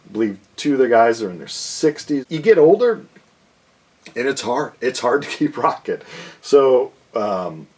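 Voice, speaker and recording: A man's voice: medium pitch, very animated, a little slow, darkish tone. Rambling man in his fifties reviewing records. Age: 50s. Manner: rambling, filler-heavy, enthusiastic fan talk. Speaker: music reviewer.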